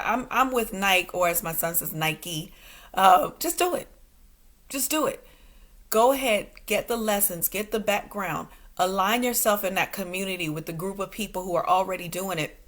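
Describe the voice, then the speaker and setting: A woman in her forties gives a motivational talk with a stand-up comic's timing. She fires off short, emphatic commands and laughs often. Her voice sits at an ordinary middle pitch for a woman. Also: a bit bright. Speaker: stand-up comic and entrepreneur hosting a motivational segment.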